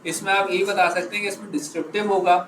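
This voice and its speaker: High-voiced male instructor in echoey classroom. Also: little pitch movement. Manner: quizzes students, keeps asking "right?"; slows down to stress key phrases. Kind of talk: live classroom lecture. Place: classroom with students. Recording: echoey room, background noise.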